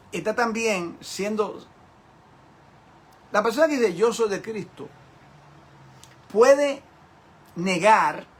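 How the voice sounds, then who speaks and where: An older pastor with a high voice teaches a Bible class, with a little hiss or hum in the recording. His sermon-like lesson is emphatic and repetitive, full of rhetorical questions aimed at his listeners.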